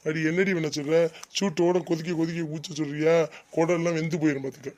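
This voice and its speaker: A man voicing a weary, soft-hearted middle-aged father in a homemade cartoon. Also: fairly high pitch, fast, close to an everyday voice. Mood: grumbling. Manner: grumbling, calm. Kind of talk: cartoon voice acting.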